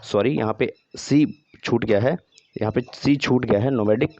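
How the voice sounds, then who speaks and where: A man's voice: mid-range voice, moderate pace, warm tone. A man teaching a vocabulary lesson, often repeating words and spelling them out letter by letter. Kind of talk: vocabulary lesson with memory tricks. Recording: dry, dull lo-fi sound.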